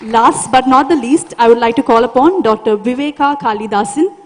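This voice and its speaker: A woman's voice: on the high side, a little fast, some chatter behind. A woman with an Indian accent reading formal scripted introductions as an event announcer. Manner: formal, ceremonious. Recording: echoey hall PA, long reverb.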